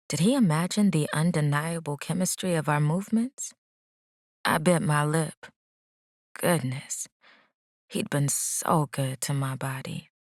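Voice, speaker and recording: A woman with a low voice narrates a first-person romance audiobook. Her delivery is expressive and conversational, and the recording is dry and close with no room sound. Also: no room sound.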